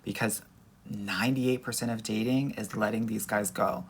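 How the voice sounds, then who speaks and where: A man's voice: fairly low pitch, fairly even intonation, normal speed, husky. A man with a Southern California Valley Girl accent, giving casual dating advice on a livestream in a sassy, girlfriend-to-girlfriend manner. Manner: sassy girlfriend-to-girlfriend talk, peppered with "girl" and "honey". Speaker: dating coach and livestream host.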